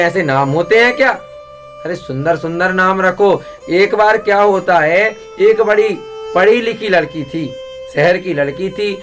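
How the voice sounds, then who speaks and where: A man's voice: sits high, fairly bright tone. A man telling a comic devotional story, chanting and addressing his listeners as brothers. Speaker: religious storyteller.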